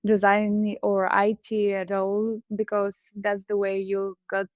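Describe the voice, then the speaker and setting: A woman's voice: medium pitch, completely flat delivery, slow, darkish tone, no room sound. Woman from Bulgaria, hesitant presenter. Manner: hesitant, frequent fillers. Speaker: startup co-founder. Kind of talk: webinar presentation.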